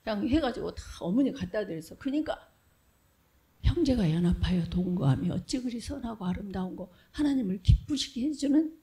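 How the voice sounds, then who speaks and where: A woman's voice: medium pitch, animated, fairly quick, dark tone. A woman giving a Sunday school sermon who questions her listeners again and again and acts out sample prayers. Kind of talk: children's sermon.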